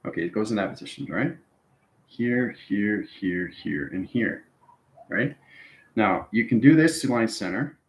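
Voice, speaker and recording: Speaking a little slowly in a fairly low, expressive voice, this spiritual channel host improvises an esoteric lecture for his viewers. His instructions repeat often, punctuated by short check-ins such as "right" and "okay," and the recording carries a roomy echo.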